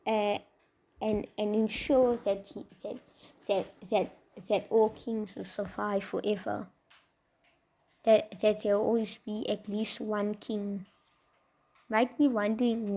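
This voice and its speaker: Tired, rambling woman with a gravelly voice. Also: mid-range voice, warm tone. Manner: rambling, tired, many restarts. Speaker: fan story creator. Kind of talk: improvised fan story narration.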